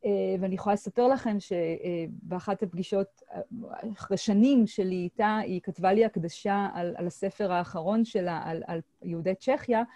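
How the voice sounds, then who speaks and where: Middle-aged woman, academic lecturer, halting delivery full of fillers, mellow voice, dry close sound, video call mic. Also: medium pitch, dry recording. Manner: hesitant, with many filler sounds and restarts. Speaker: Holocaust historian presenting her research. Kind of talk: academic lecture at an online seminar. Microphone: computer mic on a video call.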